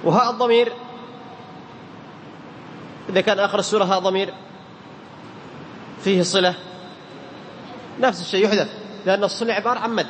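A man teaching the rules of Quran recitation to a class, quizzing his students and repeating key terms, chanting the verse examples slowly. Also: high voice, steady tone, in a large hall, slight background noise.

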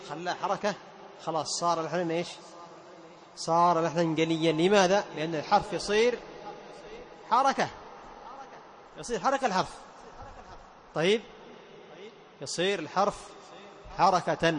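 A man's voice: fairly high pitch, a little hiss or hum. A man teaching Quran recitation rules to a class. He quizzes his students and repeats the key points. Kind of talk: classroom lesson with questions to students.

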